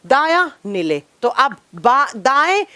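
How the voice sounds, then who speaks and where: A woman's voice: high voice, very animated, slow pace, sharp tone, dry recording. A young woman teacher, lecturing a live online class on biology, repeating key terms and sharply scolding impatient students.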